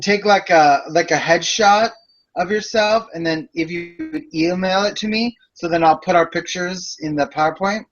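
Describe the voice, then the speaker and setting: A young man in his twenties, a student on a video call about a group project, chats casually with classmates about courses. His voice sits high and a bit bright at a moderate pace, and he rambles through explanations with lots of fillers. The sound is lo-fi with faint music behind.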